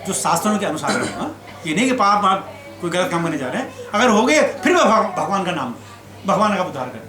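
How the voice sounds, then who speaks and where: A man teaching scripture as a sermon, telling stories lively and acting out the quotes. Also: high voice, fairly quick, a crowd in the background. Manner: animated storyteller who acts out quotes. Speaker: spiritual teacher. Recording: echoey room with background noise.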